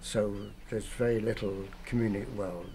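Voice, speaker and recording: An older man, a retired harbour pilot, speaking in a measured, thoughtful way in a documentary interview. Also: lowish voice, fairly even intonation, dark tone, slight background noise. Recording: music playing underneath.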